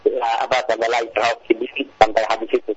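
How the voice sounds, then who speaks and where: A male caller to a call-in program who talks haltingly, with many fillers and restarts. He comes through a phone line that keeps breaking up. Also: mid-range voice, level tone. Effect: choppy phone line that keeps breaking up. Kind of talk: phoning in a question. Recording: dull, muffled call-in phone audio.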